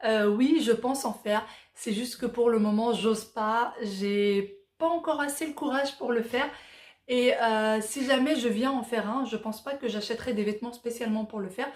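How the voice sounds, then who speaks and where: Chatty 30s woman from morocco reading out fan questions, lots of "euh", kinda high voice, roomy echo. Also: moderate pace. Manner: chatty, reads out viewer questions then answers with many fillers. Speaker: vlogger answering viewer questions. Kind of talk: casual Q&A vlog.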